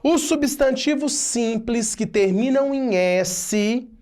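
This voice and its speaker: A man's voice: very high voice, takes it slowly, a little mellow. A male teacher giving an online grammar lesson, spelling out letters and checking in with his class.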